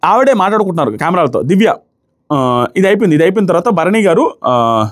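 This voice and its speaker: A man giving a casual commentary recap of a reality show, quickly acting out what the contestants said. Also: high-pitched. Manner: rapid animated recap, acting out contestants' words. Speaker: show reviewer.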